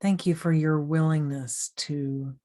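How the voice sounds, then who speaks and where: A woman guides a meditation with a low, unhurried voice. She speaks softly and invitingly, drawing out her words with long pauses between them. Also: fairly even intonation. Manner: slow, soothing, gently inviting. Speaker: meditation coach.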